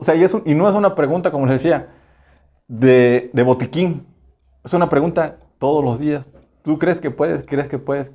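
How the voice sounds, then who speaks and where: A man with a Mexican Spanish accent preaching a casual, conversational sermon. He keeps asking the congregation rhetorical questions and slips into quick acted voices. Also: fairly high pitch, warm tone, muffled recording. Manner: acts out short voices for humor.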